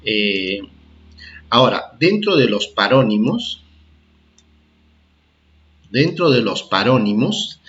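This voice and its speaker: A man's voice: mid-range voice, a bit bright, muffled recording, a little hiss or hum. A man teaching a primary school lesson, repeating his points and checking understanding as he goes. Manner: slow, repetitive, checks understanding with "¿ah?" and "¿de acuerdo?". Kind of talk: recorded classroom lesson for children.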